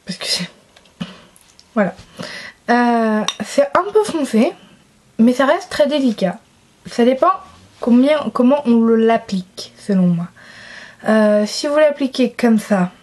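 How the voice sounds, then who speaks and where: Chatty woman with a mellow, higher voice. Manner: chatty and gushing, many hesitant "euh" fillers. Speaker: beauty vlogger. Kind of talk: casual makeup haul chat to camera.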